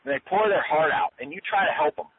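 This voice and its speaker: A man's voice: on the high side, quick pace, a little hiss or hum. A man giving a recorded business training talk, earnest and repetitive, acting out sample sales calls. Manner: earnest, repeats and restarts, acts out sample calls. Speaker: business coach. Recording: tinny phone-line sound.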